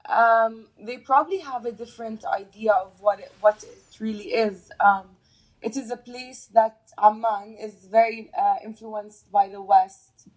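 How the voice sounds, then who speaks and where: Woman, 20s, from Jordan, interview guest, slightly high-pitched, hesitant. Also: steady tone, a little slow, low-quality recording. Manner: hesitant, many fillers like "um" and "like". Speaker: guest, fashion influencer. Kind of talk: casual interview chat.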